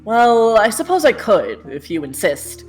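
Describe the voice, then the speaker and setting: A woman plays a male vagabond poet cat in a cartoon dub, florid and grandiose. He declaims at a slow pace over faint guitar. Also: medium pitch, big pitch swings, darkish tone, pitched above the performer's own voice, low-quality recording. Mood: breezy. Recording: guitar music behind.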